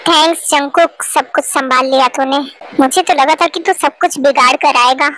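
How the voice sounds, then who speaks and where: A woman's voice: sits high, moderate pace, fairly bright tone, low-quality recording. A woman voicing an earnest, concerned young man who looks out for his friend, in an amateur fan dub. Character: worried loyal young man, best friend.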